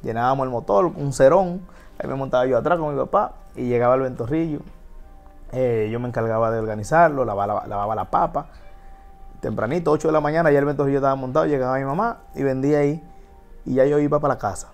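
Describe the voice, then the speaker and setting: On a TV studio set with faint music behind him, a Dominican man who works as a DJ and TV host chats as a guest in a casual interview. His mid-range voice moves fast, carrying a Dominican Spanish accent, and his relaxed storytelling is full of restarts.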